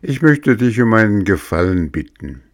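A man's voice: lowish voice, very animated. A man voicing a hot-tempered old male woodcarver in a storybook reading. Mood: earnest. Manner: quick-tempered, huffy.

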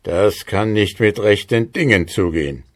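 A man's voice: fairly low pitch, measured pace, lightly acted. A man voicing an angry, pompous cavalry captain who blusters and threatens sternly. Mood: stern, threatening.

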